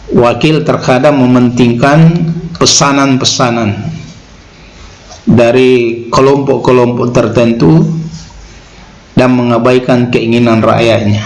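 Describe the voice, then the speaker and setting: Unhurried male religious lecturer. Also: mid-range voice, rough recording. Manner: unhurried, recites Quranic Arabic verses slowly, frequent "ya" tags. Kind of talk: Islamic teaching talk.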